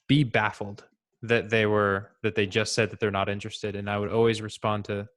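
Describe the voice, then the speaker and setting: Relaxed low-voiced man talking sales. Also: moderate pace. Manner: relaxed, chatty, many "like" fillers. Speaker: former sales rep sharing advice. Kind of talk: casual group call.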